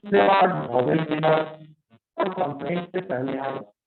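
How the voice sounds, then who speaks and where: A man with an Indian English accent giving an English pronunciation lesson, switching between Hindi and English and repeating example words slowly. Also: a little high, gravelly. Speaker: English teacher. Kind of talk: classroom lecture mixing Hindi and English. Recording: tinny phone-like sound.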